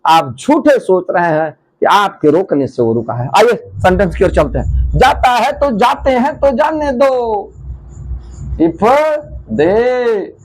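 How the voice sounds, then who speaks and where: A man teaching English in an Indian accent, a Hindi speaker who repeats each phrase slowly and quizzes his learners. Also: high voice, very animated, poor audio. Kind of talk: slow classroom explanation.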